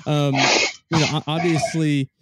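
A man's voice: fairly high pitch, level tone, measured pace, very noisy. A man hosting a podcast, chatting casually with guests in a loose, rambling way full of ums and restarts. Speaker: podcast host. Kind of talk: casual interview chat.

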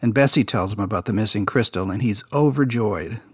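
A man's voice: lowish voice, a little fast, breathy edge, no echo, studio quality. A man hosting a podcast, casually recapping a children's TV episode and sharing behind-the-scenes production stories. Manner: relaxed insider storytelling, recounting production details.

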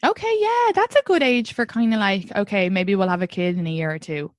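A woman's voice: mid-range voice, animated, brisk, no room sound, studio quality. A woman in her thirties hosting a podcast, chatting casually, candid and giggly, with some swearing. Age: 30s. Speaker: podcast host. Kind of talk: casual chat.

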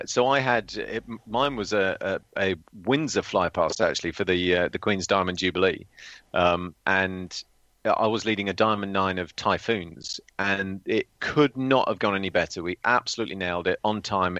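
A low-pitched man tells flying stories on a podcast, slipping into dry, defensive teasing. His voice sounds muffled and lo-fi, with a close, dead recording and no room around it. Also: fairly bright tone, dry recording. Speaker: former military display pilot, co-host. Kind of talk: casual podcast chat.

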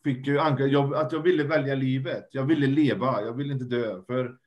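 A man's voice: medium pitch, fairly even intonation, highs cut off. A man speaking as a guest in a candid conversation, earnest and reflective, often trailing off and repeating words. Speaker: podcast guest, lecturer.

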